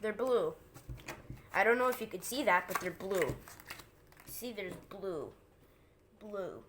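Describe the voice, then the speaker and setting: A woman's voice: mid-range voice, animated, measured pace, background noise. A woman giving informal card magician patter, talking through each move step by step as she demonstrates and teaches a trick. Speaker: amateur card magician presenting a trick and tutorial.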